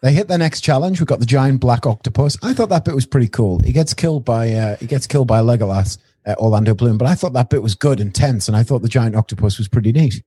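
A man's voice: medium pitch, fast, few pauses, mellow, slightly rough, no room sound. A man co-hosting a podcast, chatting casually and a bit ramblingly about a film. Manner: chatty, rambling, with small restarts. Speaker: podcast co-host reviewing a film.

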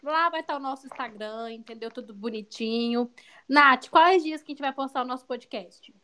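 A Brazilian woman co-hosting a casual podcast with a friend, bubbly, excitable and chatty, often adding little tag questions. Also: high-pitched, normal speed. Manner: frequent tag questions seeking agreement. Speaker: podcast co-host.

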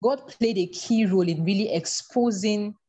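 A woman guest in an interview, talking in an earnest, measured way about her past and her faith. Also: medium pitch, mellow, husky. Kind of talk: reflective interview talk.

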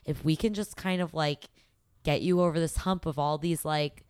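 A woman's voice: deep voice, fairly even intonation, normal speed, a little mellow, smooth, no room sound, studio quality. A young woman co-hosting a casual podcast, candid and opinionated, talking with lots of "like" fillers. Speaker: podcast co-host. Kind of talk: casual chat.

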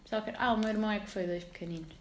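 A woman's voice: medium pitch, steady tone, noisy background. Teasing young Portuguese woman. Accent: European Portuguese. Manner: teasing, jokey, quick banter. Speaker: podcast co-host. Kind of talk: casual chat.

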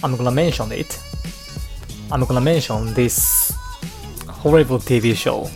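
A man from Japan with a Japanese accent, hosting his own podcast in an unhurried, chatty way and moving between English and Japanese. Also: medium pitch, music in the background. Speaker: podcast host. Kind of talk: casual solo podcast talk.

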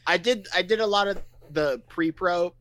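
A man's voice: sits high, moderate pace, fairly bright tone, dry recording. A man as a guest on a casual podcast, laughing a lot and swearing through mock-insulting banter. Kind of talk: casual joking chat.

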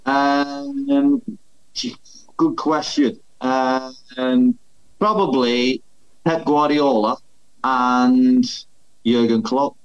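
A man's voice: mid-range voice, lively intonation, very slow, vocal fry, clear, resonant tone, lo-fi sound. A man, a former footballer, chatting casually as a podcast guest, thinking aloud and laughing easily. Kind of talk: casual chat.

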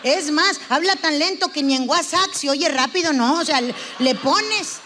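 Mexican woman doing standup, high pitched, chatty and slangy, teasing tone. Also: moderate pace, noisy background. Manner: chatty, slangy, mocking, acts out both sides of a therapy session. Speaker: comedian. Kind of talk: stand-up comedy monologue.

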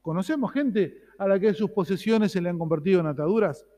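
Rioplatense man preaching, high voice. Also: a little fast, dark tone, long reverb tail. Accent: Rioplatense Spanish. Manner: conversational, asks the congregation "¿no?". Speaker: pastor. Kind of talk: sermon.

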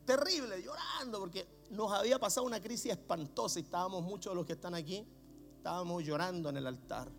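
A middle-aged man with a Chilean Spanish accent, preaching a sermon as a pastor, swinging from low murmurs to shouts. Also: fast talker, gravelly, faint music behind.

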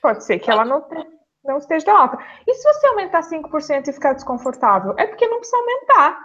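A high-pitched woman talks through a topic in a methodical, explanatory way. She is a physiotherapist guest in a relaxed conversation. The recording sounds a little dull and lo-fi. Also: racing. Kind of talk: casual podcast chat, explaining.

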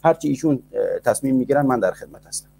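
A man's voice: mid-range voice, animated, creaky, dark tone, husky. A man in an online debate, speaking politely and formally and posing many rhetorical questions. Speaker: debater defending belief in God.

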